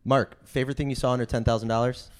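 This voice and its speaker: A man hosting a podcast panel, steering it with brisk questions. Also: medium pitch, little pitch movement. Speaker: podcast host.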